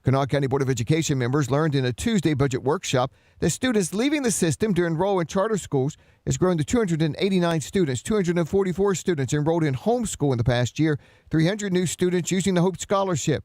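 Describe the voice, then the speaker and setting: A man's voice: on the high side, animated, fast, a little mellow, no echo. A man reading scripted radio news as an anchor in a studio.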